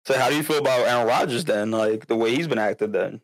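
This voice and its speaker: Gravelly man chatting casually about sports. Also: mid-range voice, quick pace, no echo, low-quality recording.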